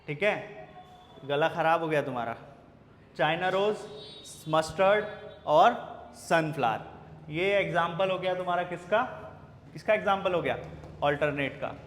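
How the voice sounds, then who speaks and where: A man's voice: on the high side, measured pace, long pauses, a bit bright, big-room sound, a little hiss or hum. A male biology teacher lecturing in a classroom, quizzing his students with repeated questions and teasing them. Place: classroom with a whiteboard.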